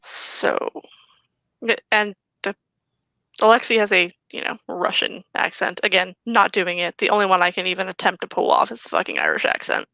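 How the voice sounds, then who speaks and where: A woman's voice: mid-range voice, lively intonation, moderate pace, vocal fry, sharp tone, no room sound, rough recording. A woman narrating as game master of a tabletop game, casual and swearing, with asides to the players.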